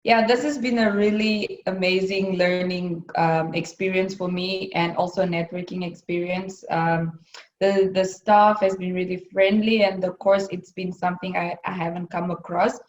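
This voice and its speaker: A woman's voice: lowish voice, steady tone, normal speed, a little hiss or hum. A woman student from Namibia, speaking thoughtfully on a video call. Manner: thoughtful, with ums. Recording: echoey muffled call audio.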